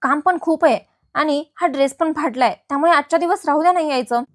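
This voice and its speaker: A woman voicing a gentle, caring young woman who speaks politely. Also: sits high, fast, lightly acted.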